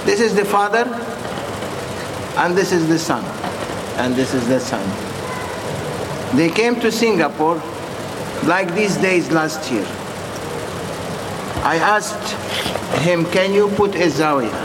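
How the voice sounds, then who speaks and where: A man who is a non-native English speaker preaching informally in short, halting, repeated phrases and putting questions to his listeners. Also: a little high, animated. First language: not English. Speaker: Sufi preacher addressing followers. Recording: echoey reverberant hall with clear background noise.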